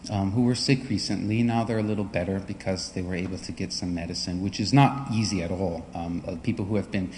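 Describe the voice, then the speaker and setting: A man hosting a concert, speaking earnestly and haltingly as he introduces a message. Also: low voice, steady tone, darkish tone, a little hiss or hum. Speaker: concert host and pianist. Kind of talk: spoken introduction and letter reading at a concert. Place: concert venue. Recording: long hall reverb.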